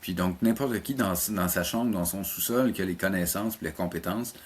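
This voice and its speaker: An animation teacher with a Québécois French accent answers interview questions casually in a low, slightly rough voice at a moderate pace. He searches for words and often repeats them.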